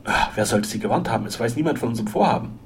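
A man's voice: mid-range voice, animated, very fast, gravelly, slight background noise. A man voicing a scheming, hot-tempered villain count who speaks agitated and raised-voiced in a storybook reading.

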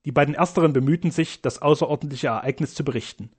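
A man reading a storybook aloud in a lowered, even narration voice. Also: fast, slightly rough. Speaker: audiobook narrator. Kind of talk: scripted narration.

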